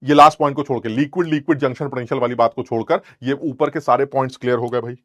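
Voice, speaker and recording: A young man teaching chemistry in Hindi, in a lively classroom-style lecture full of jokes, anecdotes and mock scolding of students. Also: mid-range voice, very fast, no echo. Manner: colloquial, joking, scolding asides to students.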